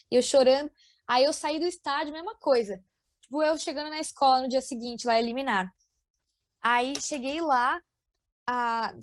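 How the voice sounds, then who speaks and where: A young woman with a São Paulo accent, a podcast guest telling lively fan stories full of slang and acted-out quotes. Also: high voice, dry recording, clean studio sound. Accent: São Paulo Portuguese. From São Paulo, Brazil. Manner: animated, acts out quoted voices, lots of slang fillers. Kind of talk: casual storytelling chat.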